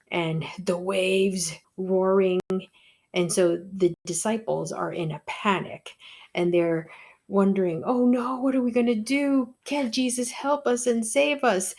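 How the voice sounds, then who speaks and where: A woman giving a gentle devotional talk, telling a story in a slow, soft-spoken way. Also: fairly low pitch.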